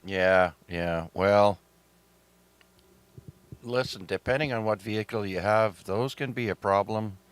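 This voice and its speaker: A man's voice: on the low side, slow, long pauses, clear, resonant tone, no echo. A middle-aged man from Canada hosting an amateur radio net, chatting easily with many fillers and a slightly sore throat. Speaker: net control host.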